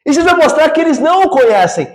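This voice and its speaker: A man's voice: very high voice, big pitch swings, very fast. A Brazilian man, a pastor, preaching an expository sermon in a church and often asking the congregation rhetorical questions.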